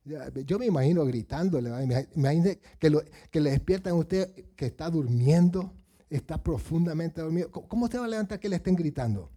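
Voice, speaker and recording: Preacher, male, mellow husky tone, lively sermon that acts out the Bible voices. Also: on the high side, brisk. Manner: asks the congregation questions, acts out Bible voices.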